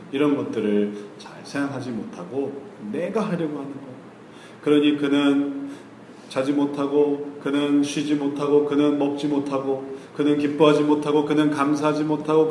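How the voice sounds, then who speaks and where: A middle-aged man preaching a sermon as a pastor, asking rhetorical questions that rise to emphatic peaks and then drop low and slow. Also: darkish tone, reverberant, a little hiss or hum.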